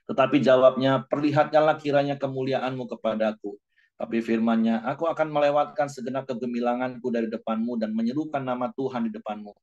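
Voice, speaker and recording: A man preaching a sermon in a relaxed, chatty way, talking straight to his congregation. His voice sits at an ordinary middle pitch. The recording sounds a little dull and lo-fi. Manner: conversational preaching, informal asides, sings a worship line. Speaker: pastor.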